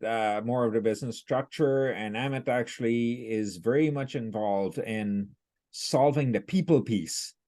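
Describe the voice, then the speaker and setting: A man's voice: mid-range voice, unhurried, darkish tone. A middle-aged man talking as a podcast guest, explaining things plainly in casual interview chat. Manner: plain, explanatory, some restarts. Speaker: guest, business owner.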